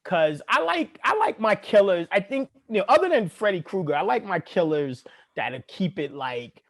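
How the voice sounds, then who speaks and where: Male co-host, a bit high-pitched, animated, swearing and joking through casual banter. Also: moderate pace. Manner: animated, profane, laughing banter. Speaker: podcast co-host. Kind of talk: casual chat.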